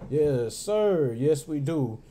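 A man's voice: fairly high pitch, animated, slow pace, dark tone. A man from Arkansas, hosting a casual reaction video with loose, laid-back talk full of fillers. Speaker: reaction channel host. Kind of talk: casual chat.

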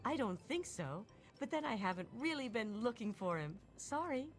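An actress playing a prim, polite, gossipy suburban American housewife in a video game. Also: female voice, fairly high pitch, sing-song, normal speed, faint music behind. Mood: pleasant. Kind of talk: scripted video game dialogue.

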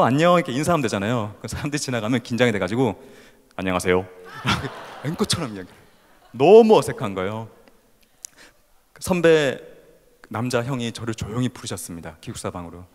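A man in his thirties with a faint Gyeongsang-tinged accent, telling his life story as a stage speaker and acting out the scenes. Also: mid-range voice. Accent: Gyeongsang-tinged Seoul Korean. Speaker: speaker at a youth festival talk. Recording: hall reverb from a stage talk.

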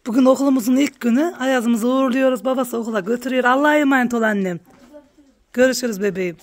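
A woman vlogging about her village life, chatting warmly with her viewers and calling out to her animals in a high coaxing voice outdoors. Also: fast talker. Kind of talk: casual vlog narration to viewers. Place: outdoors at a village farmyard and garden.

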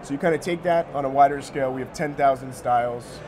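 Music plays behind a quick-talking American man in his thirties with a mid-range voice, a company co-founder being interviewed. His answers are informal and full of slang, given indoors in a sneaker shop showroom with clearly audible background noise.

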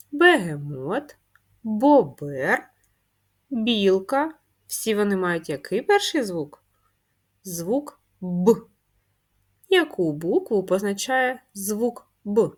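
A woman's voice: mid-range voice, darkish tone. A woman teaching a first-grade handwriting lesson, patiently asking questions and answering them herself. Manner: patient, drawn-out, answers her own questions. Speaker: primary school teacher. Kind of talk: slow, clearly spelled-out handwriting lesson.

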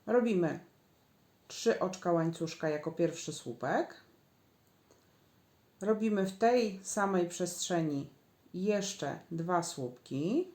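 A woman's voice: fairly low pitch, lively intonation, takes it slowly, long pauses, a little mellow. A woman giving a patient, step-by-step crochet tutorial, counting stitches aloud as she works. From Poland. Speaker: crochet instructor. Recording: echoey room.

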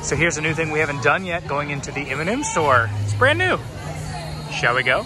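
A man chatting casually to his phone camera as a vlogger, upbeat and quick to laugh. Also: on the high side, animated, over music, crowd noise. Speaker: travel vlogger. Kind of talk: casual vlog chat. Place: busy store and lakeside outdoors at night. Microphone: handheld phone camera.

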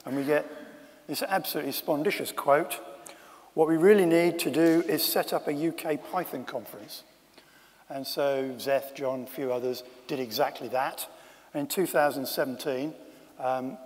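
Male conference speaker, fairly high voice, dry humour, long hall reverb. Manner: wry, self-deprecating asides. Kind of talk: conference talk. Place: conference room.

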